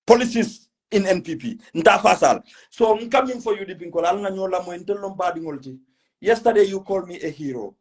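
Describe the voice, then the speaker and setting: This man has a high voice and talks fast, with a West African accent. He hosts a casual political live stream, speaking emphatically, repeating his phrases, and mixing English with a local language.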